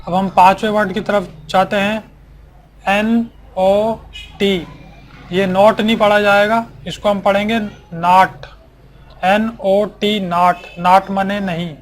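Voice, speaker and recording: A man teaching a basic English vocabulary lesson, spelling each word letter by letter and repeating it slowly. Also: sits high, level tone, slight background noise.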